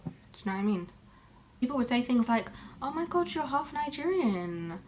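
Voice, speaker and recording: With a darkish, somewhat high voice that swings widely in pitch, a young woman chats at a moderate pace while doing her makeup. She's a beauty vlogger in a casual get-ready-with-me video, candid and full of fillers, with slight background noise.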